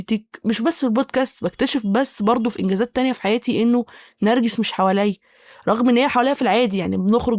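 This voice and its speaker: A woman with an Egyptian accent hosting a podcast, talking in an animated, self-mocking comedic monologue. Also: on the high side, no room sound. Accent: Egyptian Arabic. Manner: animated, self-mocking, acts out quoted people. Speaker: podcast host.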